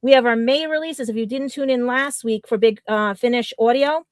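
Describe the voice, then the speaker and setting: A woman's voice: a little high, moderate pace, no echo. A woman co-hosting a casual podcast, rambling, laughing easily and stumbling over names. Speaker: podcast co-host.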